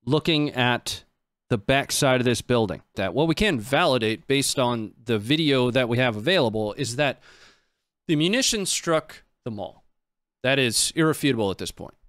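A man in his thirties hosts a stream, casually commenting live on footage. He speaks into a close desk microphone on a boom arm in a small indoor studio, with no room sound. His voice is mid-range and a bit bright.

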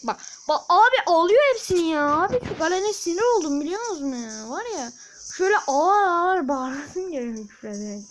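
A woman giving casual gameplay commentary as a channel host, excitable, with frustrated outbursts and shouted sound effects. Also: very high-pitched, a little fast, a little hiss or hum.

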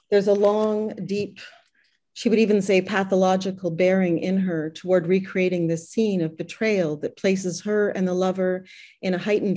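An older woman reading a prose poem in a calm, unhurried way, speaking over a video call from a room at home. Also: fairly low pitch. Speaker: poet reading her work. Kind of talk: poetry reading. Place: home room with posters and books.

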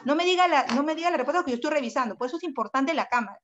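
A woman's voice: sits high, animated, rapid-fire, a bit bright, slight background noise. A woman teaching a secondary school language class online, patient and affectionate but firm with her students. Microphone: computer mic on a video call. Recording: dull, lo-fi video call audio.

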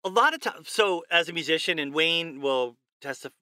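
Guy cohost joking around, highish bright voice, chatty. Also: animated, a little fast, no echo, studio quality. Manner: joking, chatty, thinks aloud. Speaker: podcast co-host. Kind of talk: casual chat. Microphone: studio microphone.

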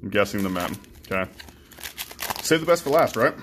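A young man with a slightly low voice talks his way through opening card packs. He is relaxed and chatty, swearing casually and often stumbling into restarts and ums. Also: moderate pace, a little hiss or hum. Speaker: card-breaking channel host.

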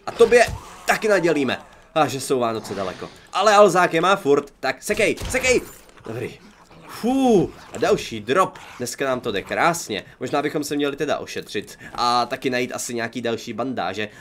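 A young man talks his way through a survival game as he plays. He is chatty and joking, and keeps breaking into excited exclamations. His voice sits at an ordinary middle pitch. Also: a little hiss or hum. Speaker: gaming YouTuber. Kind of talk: let's play commentary.

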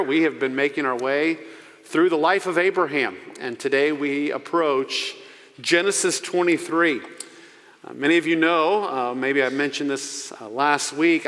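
A man in his forties preaching a sermon into a pulpit microphone as pastor. He speaks earnestly and slows down to stress key phrases. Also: a little high, sharp tone. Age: 40s. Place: church sanctuary. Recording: long church reverb.

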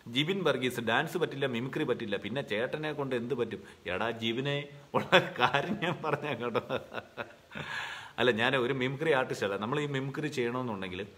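A young man on a live stream, reading fan comments aloud and answering them in a relaxed, chatty way with many fillers, from his home. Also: medium pitch, normal speed. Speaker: serial actor answering fan questions.

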